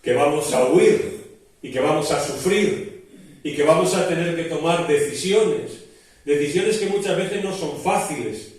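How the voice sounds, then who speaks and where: A man's voice: fairly high pitch, lively intonation, a little slow, a little mellow. Man preaching in an echoey church. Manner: explanatory, with many restarts and rhetorical questions. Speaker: pastor. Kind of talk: sermon. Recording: very echoey church hall from a distance.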